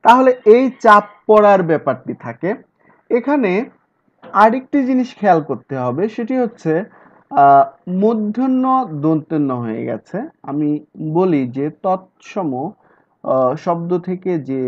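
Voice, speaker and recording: A male teacher giving an exam-prep lecture, explaining step by step and repeating key words. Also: fairly high pitch. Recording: dull lo-fi recording.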